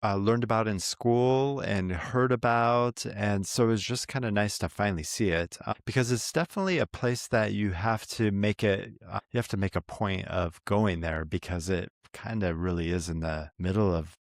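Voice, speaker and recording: A man with a fairly low voice speaks in an easygoing, thoughtful way as co-host of a travel vlog. He explains things at length in casual chat, and the recording is dry and close. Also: normal speed, hardly any pauses, no room sound.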